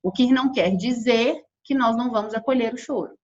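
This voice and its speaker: A woman with a Brazilian Portuguese accent teaches an online workshop as an infant sleep consultant. Her voice sits a little high, and she talks in a loose, conversational way with frequent tag questions. The recording sounds somewhat dull and lo-fi. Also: brisk.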